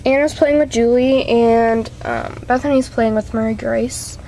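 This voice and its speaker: A young woman with a fairly high, dark-toned voice speaks at a measured pace and fairly even intonation as she gives a rambling, giggly tour at home. She's apologetic and self-deprecating in the small carpeted room. The noisy recording comes from the handheld camera's own microphone.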